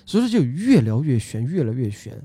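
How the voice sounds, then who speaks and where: A man's voice: mid-range voice, very animated, fairly quick, mellow, slightly rough, no echo. A man hosting a casual chat and introducing his guests in a talkative way, often repeating short phrases. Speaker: host, video uploader and magician.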